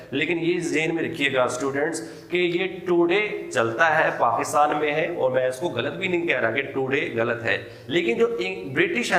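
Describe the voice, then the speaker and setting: A man's voice: fairly high pitch, sharp tone. Pakistani man teaching in an echoey hall. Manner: repeats points, reads English examples slowly and deliberately. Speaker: college English teacher. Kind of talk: recorded lecture. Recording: echoey hall with long reverb.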